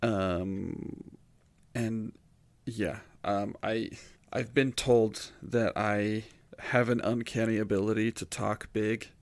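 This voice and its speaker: A man's voice: on the low side, fairly even intonation, takes it slowly, no room sound. A man co-hosting a podcast, laid-back and dry, in casual chat. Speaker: podcast co-host.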